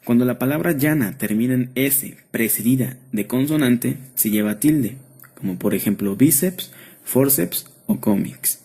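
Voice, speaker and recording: Husky-voiced man reading a lesson. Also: mid-range voice. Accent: Mexican. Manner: steady, measured reading of rules and word lists. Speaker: student presenter. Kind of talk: read-aloud lesson narration.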